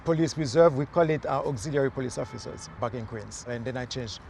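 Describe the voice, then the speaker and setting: Man, from Haiti, gravelly, slightly high voice, earnest and halting, faint street noise outdoors. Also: darkish tone. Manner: earnest, hesitant, many fillers. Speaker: mayoral candidate. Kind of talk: casual interview. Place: outdoors in a city near traffic.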